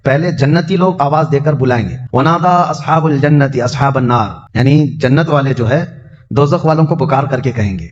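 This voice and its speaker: A man's voice: mid-range voice, lively intonation, darkish tone, lo-fi sound, slight background noise. Man preaching a Ramadan sermon. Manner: storytelling, chants Quranic verses slowly.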